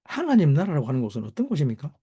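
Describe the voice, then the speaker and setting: A man teaching the Bible in a sermon, talking rhetorically and asking his listeners "right?" again and again, with sudden jumps in pitch for emphasis. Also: wildly swooping pitch, very fast, dark tone, slightly rough.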